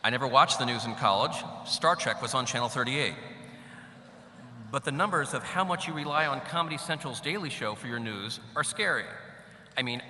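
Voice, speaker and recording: A man's voice: medium pitch, pushed and bright. Man speaking in a big echoing hall. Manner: wry, joking asides. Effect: big hall echo. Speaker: commencement speaker. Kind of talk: graduation speech. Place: large hall. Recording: echoey large hall, faint hum.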